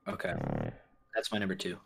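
A man's voice: fairly quick, fairly bright tone. A man co-hosting a podcast, chatting enthusiastically about an album and swearing casually. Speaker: podcast co-host. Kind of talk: casual chat reviewing an album.

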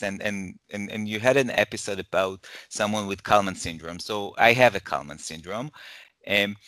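Male interview guest from Israel, fairly low, bright edge, halting delivery with frequent restarts. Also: no echo. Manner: hesitant, many repeated words. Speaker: guest, professor. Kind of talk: interview conversation.

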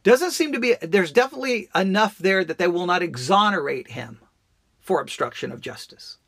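A man's voice: high voice, animated, normal speed, a bit bright. A man hosting a live political commentary broadcast, earnest and often restarting his phrases.

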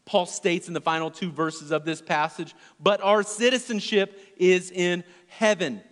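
Unhurried and steady in tone, a high-sitting male voice preaches a sermon in church, with a long reverb tail. The earnest pastor shifts from loud emphasis to near-whispered lines.

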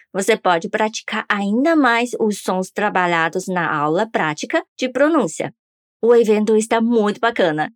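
A woman's voice: medium pitch, no echo, studio quality. A woman teaching a pronunciation lesson on a podcast, upbeat and coaxing listeners to repeat after her. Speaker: language teacher.

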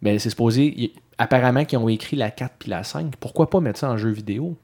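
A man's voice: medium pitch, a little mellow. A man with a Quebec French accent co-hosting a casual podcast chat, teasing his partner and rattling off game titles. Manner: teasing, lists titles fast. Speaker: podcast co-host.

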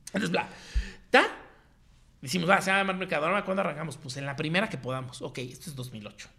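Slangy Mexican man, gravelly and bright. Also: on the high side, fast. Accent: Mexican Spanish. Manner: slangy, animated, acts out quoted voices. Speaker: guest telling his story. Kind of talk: casual storytelling chat.

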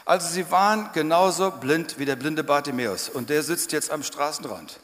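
A man preaching a sermon in church, emphatic and dramatic, sometimes breaking into loud shouts. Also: fairly high pitch, normal speed. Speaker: pastor. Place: church hall. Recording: church hall reverb.

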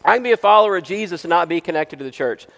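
A man's voice: high voice, expressive, very fast, creaky, a bit bright, long reverb tail, voice pushed up, full character voice. A man putting on an accent to voice a breezy churchgoer who dismisses the church. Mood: mocking.

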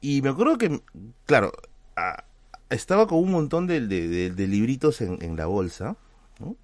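A Peruvian man spins a casual anecdote for his stream chat, his pitch swinging up and down as he talks. His delivery is slangy and chatty, full of little check-ins to the audience. The sound is dry and close, with no room around it. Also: very animated, moderate pace, a little mellow, no echo. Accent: Peruvian Spanish. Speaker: livestream host.

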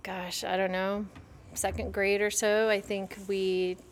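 A woman's voice: medium pitch, flat delivery, slow pace, a little hiss or hum. A woman guest from Southern California on a podcast, chatting casually with blunt, self-deprecating banter. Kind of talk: casual chat.

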